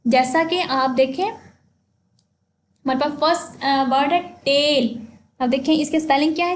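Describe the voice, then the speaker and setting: High-voiced woman teacher, spelling out words. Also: slight background noise. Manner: explains slowly and asks questions to the class. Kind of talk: online class lesson.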